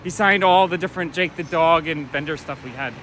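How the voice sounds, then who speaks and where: A man's voice: a little high, fairly quick, sharp tone. Chatty man walking city streets at night. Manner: chatty, storytelling, talking to live chat. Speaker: vlogger and comic shop owner. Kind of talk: casual chat while walking. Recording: light street noise, traffic.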